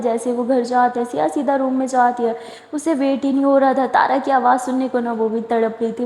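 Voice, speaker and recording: A woman narrating a love story in a soft, even storytelling voice. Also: on the high side. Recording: echoey room with long reverb.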